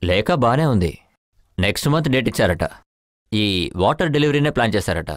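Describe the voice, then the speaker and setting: Film dub: brisk husband, fast, dry studio sound. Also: male voice, fairly low pitch, big pitch swings, dry recording. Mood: casual. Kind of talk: dubbed film dialogue.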